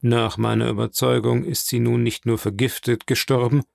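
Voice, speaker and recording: A man reading an audiobook, voicing a grave, deliberate physician. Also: mid-range voice, flat delivery, creaky, darkish tone, no echo, studio quality. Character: grave, measured male physician.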